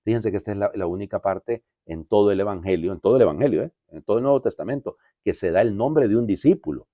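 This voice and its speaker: Low-voiced priest giving a chatty homily. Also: male voice, fast talker, no echo. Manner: lively, digressive, full of asides and rhetorical questions. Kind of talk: conversational homily.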